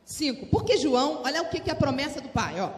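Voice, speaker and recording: A woman pastor preaching a lively sermon, calling on the congregation to answer. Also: high-pitched, quick pace. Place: large church hall. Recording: echoey church hall with long reverb.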